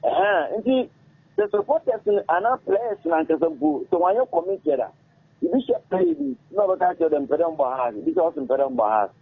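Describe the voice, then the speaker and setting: In casual interview talk at a radio studio, a middle-aged Ghanaian man who once played football speaks through a studio microphone on an arm. His raspy, gravelly voice is high and sing-song, swinging widely up and down, as he halts, repeats himself and switches languages mid-sentence. There's no echo, but the sound is muffled, thin and boxy like a phone line.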